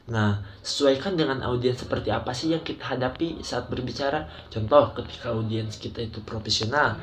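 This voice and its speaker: A young man student presenting a training module, explaining numbered points in a casual tone. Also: mid-range voice. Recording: crowd noise in the background.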